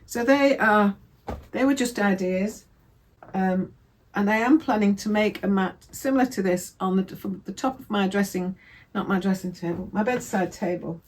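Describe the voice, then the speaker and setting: A woman from England talks through her sewing projects in a relaxed, meandering way. She wanders off on side notes and stops to correct herself, and her voice sits at an ordinary middle pitch. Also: moderate pace. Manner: chatty, rambling, self-correcting. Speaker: sewing vlogger. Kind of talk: casual crafting chat.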